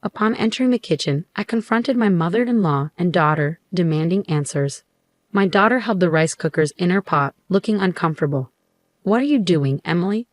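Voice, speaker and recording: Woman reading a story, lowish voice, dry close sound, steady pace. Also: fairly quick, dry recording. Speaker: story narrator. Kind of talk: scripted narration.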